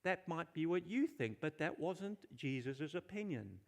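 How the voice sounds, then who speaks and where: A male pastor delivering a sermon with a somewhat high, gravelly voice. He talks informally, throws questions out to the congregation and repeats key phrases for weight. The delivery stays conversational and light-hearted, recorded in a church. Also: sing-song, unhurried. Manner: informal and jokey.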